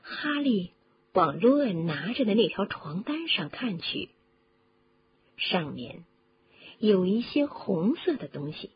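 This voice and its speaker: A woman reading a storybook aloud with dramatic, expressive narration that drops low for suspense. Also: takes it slowly, long pauses, lo-fi sound, a little hiss or hum. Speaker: audiobook reader.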